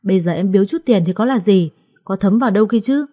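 A woman's voice: medium pitch, fast, dark tone, lightly acted. A woman voicing a young husband who firmly defends his wife, in a storybook reading. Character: young husband, calm then angry.

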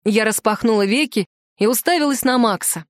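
A woman reading a first-person fantasy novel aloud in a lively, expressive way. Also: a little high, brisk, no echo, clean studio sound. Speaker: audiobook narrator.

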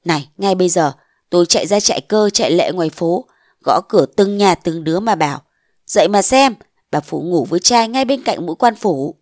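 A woman voicing a bold, scheming young wife of a mandarin, defiant and sharp-tongued, in a storybook reading. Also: fairly low pitch, expressive, fairly quick, dry recording, clean studio sound, close to an everyday voice. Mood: scornful.

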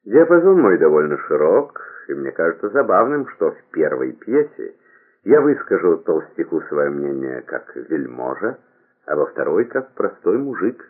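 A man's voice: deep voice, big pitch swings, normal speed, breathy edge, full character voice. A man reading the part of an ingratiating aristocrat who talks in an insinuating, coaxing way, on a narrow, lo-fi recording. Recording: narrow phone-like lo-fi audio.

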